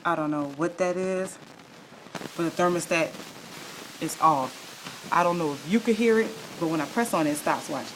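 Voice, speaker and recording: Lady showing her salon basement on a handheld cam, lowish voice, bit of faint hiss, chatty and fed up. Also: moderate pace, long pauses. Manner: chatty, exasperated, laughs wryly. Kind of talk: casual walkthrough vlog. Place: building basement and salon, indoors.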